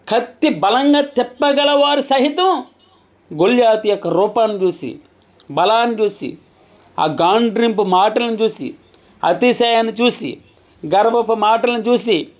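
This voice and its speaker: A man preaches a sermon in a very high voice. He hammers his points home by repeating key phrases and speaks straight to his listeners. The recording sounds dull and lo-fi.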